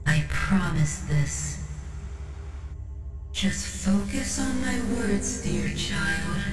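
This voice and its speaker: A woman's voice: medium pitch, animated, drawn-out words. A woman playing a devout, motherly cyborg tech-priest in an ASMR roleplay, speaking formally, soothingly and with reverence. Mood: calm, commanding. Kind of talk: ASMR roleplay, scripted monologue. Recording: roomy reverb with music underneath. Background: music.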